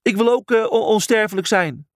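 Guy putting on a squeaky stammery dumb young pig, eager show-off, storybook voice. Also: moderate pace, no echo, studio quality, lightly acted. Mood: eager, boastful. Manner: stammers and hesitates. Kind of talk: audiobook character voice.

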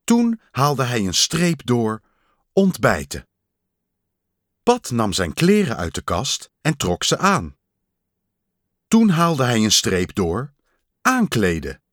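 A man reading a children's story aloud, unhurried and deliberate. His pitch moves widely as he tells it, and the recording is close and dry. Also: no room sound. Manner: slow, expressive storybook reading.

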